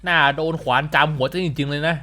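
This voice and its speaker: A man role-playing a crude, teasing old uncle in a game, trading quick coarse banter. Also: a little high, pushed and bright. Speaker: streamer playing a character.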